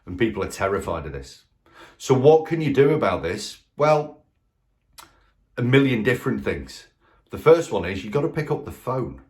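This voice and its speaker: A man's voice: medium pitch, sing-song, moderate pace, darkish tone. Brief: male sales trainer, emphatic and direct, coaching in a talk to camera with rhetorical questions.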